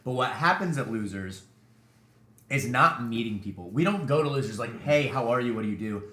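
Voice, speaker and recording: A man's voice: mid-range voice, a little fast. A man co-hosting a podcast in easygoing casual chat, agreeable and jokey. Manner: animated, agreeable, jokes around. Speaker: podcast co-host. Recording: echoey room.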